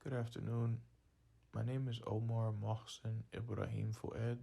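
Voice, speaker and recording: A man leaving a voicemail as a caller seeking a lawyer, speaking slowly and deliberately and spelling out his details. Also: mid-range voice, flat delivery, vocal fry, warm tone, breathy edge.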